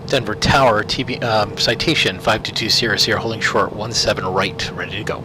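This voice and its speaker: A man with a fairly low voice speaks as if into a pilot's cockpit headset. He reels off checklist items and radio calls in a steady, matter-of-fact way. A loud engine drone runs beneath every word. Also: fairly quick. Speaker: pilot flying a simulated jet. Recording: loud engine noise behind the voice.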